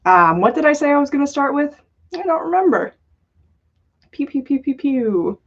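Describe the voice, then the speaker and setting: A woman with a high-sitting voice and big swings in pitch talks at a moderate pace as she hosts a casual livestream, chatting and joking playfully with viewers. She's a podcast host running the stream, and the audio is dull and lo-fi.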